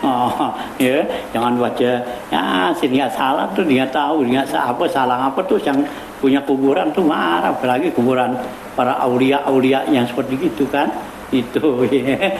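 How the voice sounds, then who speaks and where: Chatty cleric in an echoey hall. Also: male voice, mid-range voice, normal speed, vocal fry. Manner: casual, repetitive fillers, chuckles while teaching. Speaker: cleric teaching a weekly religious study circle. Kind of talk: informal Islamic study lecture. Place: prayer hall. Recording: echoey hall with background noise.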